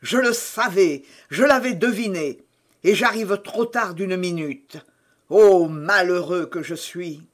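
A man's voice: high voice, slow pace, a bit bright, exaggerated voice. Man doing a grieving noble lord, raised and emphatic, audiobook. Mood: anguished. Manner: lamenting, emphatic.

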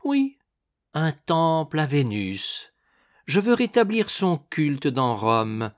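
A man's voice: on the high side, huge pitch swings, takes it slowly, pitched above the performer's own voice, exaggerated voice. A man reading an audiobook, voicing a proud, scheming young Renaissance noblewoman with a languid, grandly ambitious manner.

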